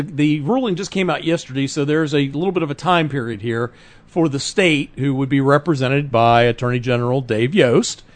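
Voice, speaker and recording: On a political talk podcast, a male co-host with a slightly high voice speaks earnestly and with emphasis, frequently correcting himself mid-sentence. The recording has no echo, and the feel is talk-radio chat.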